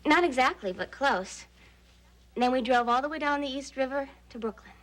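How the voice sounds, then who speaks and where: Young stage actress, playful storyteller, soap drama. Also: female voice, high voice, brisk, fairly bright tone, poor audio. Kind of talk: 1980s daytime soap acting.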